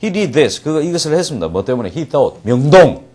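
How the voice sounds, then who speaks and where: A man teaches English reading in a classroom lecture, reading English lines slowly and deliberately, explaining them quickly, and answering his own questions. His voice is fairly high, husky and darkish, with big pitch swings.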